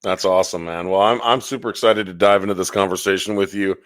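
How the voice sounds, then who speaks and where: A man's voice: low voice, fairly even intonation, fast talker, no room sound. A middle-aged man hosting a casual interview podcast, enthusiastic and swearing freely. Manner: enthusiastic, profane. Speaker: podcast host.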